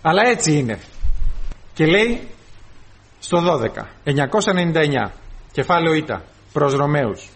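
A man's voice: on the high side, very animated, pauses often. A man preaching a sermon to his congregation, calling them brothers and acting out short dialogues with the flesh.

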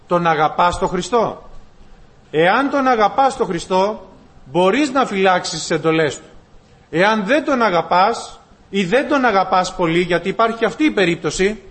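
A man's voice: sits high, a bit bright. A male preacher delivering a sermon, asking his listeners questions and retelling stories with voiced dialogue. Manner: asks the congregation rhetorical questions and acts out dialogue. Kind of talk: sermon with storytelling.

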